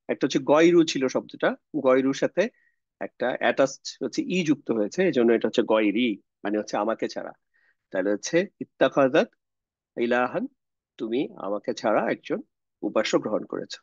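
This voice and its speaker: A man's voice: medium pitch, dry recording, lo-fi sound. A man teaching Quranic Arabic grammar in an online class, explaining patiently and repeating himself with many fillers.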